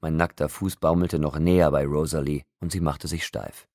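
A man reading an audiobook in a calm, even storytelling manner. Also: very deep voice, normal speed, no echo, studio quality. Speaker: audiobook narrator. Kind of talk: audiobook narration.

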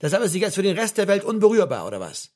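A man reading an audiobook, voicing an agitated young man who accuses and shouts at his flatmate. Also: high voice, rapid-fire, voice pushed up. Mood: shouting angrily. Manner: shouting, hurt, jabbing.

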